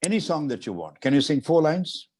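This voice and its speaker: A man's voice: fairly high pitch, sing-song, brisk, darkish tone. Commanding Indian man guiding exercises. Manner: commanding, coaxing, repeats short instructions. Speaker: martial arts master guiding an interview demonstration. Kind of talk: instructing over a video call.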